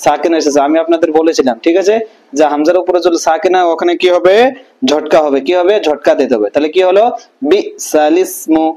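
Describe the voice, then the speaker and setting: A man with a Bangladeshi Bengali accent teaching a Quran reading lesson, often checking in with his students and slowly sounding out syllables. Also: fairly high pitch, fairly even intonation, warm tone, rough recording.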